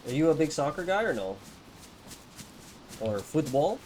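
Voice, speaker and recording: A man's voice: a little high, very animated, moderate pace, darkish tone, slight background noise. A young man streaming a game, chatting casually and amiably with strangers he meets. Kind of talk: casual chat while playing a game.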